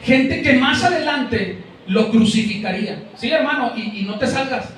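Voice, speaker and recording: A male pastor with a Mexican Spanish accent preaches to his congregation in a very high voice. He speaks straight to the listeners and repeats words while searching for the next one. The voice comes from far off in a very echoey church room. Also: expressive, moderate pace, fairly bright tone, slight background noise. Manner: addresses the congregation directly, calling out names. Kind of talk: sermon. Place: church hall.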